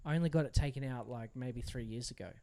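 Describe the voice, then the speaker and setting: A man's voice: mid-range voice, fast, vocal fry, warm tone. A young Australian man co-hosting a podcast, telling stories in a laid-back, casual chat. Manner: storytelling, laid-back, says "bro" and "man". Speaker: podcast co-host.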